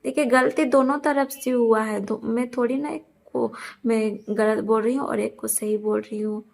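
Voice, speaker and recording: Young vlogger girl, gravelly kinda flat voice, keeps explaining herself to viewers. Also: a little high, normal speed. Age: young adult. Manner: earnest, defensive, repeats her points. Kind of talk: casual talk to camera.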